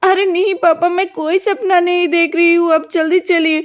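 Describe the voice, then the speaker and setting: A woman's voice: extremely high pitch, level tone, moderate pace. A woman voicing a frightened little girl who keeps pleading urgently in a children's cartoon. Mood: scared pleading. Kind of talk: cartoon voice acting.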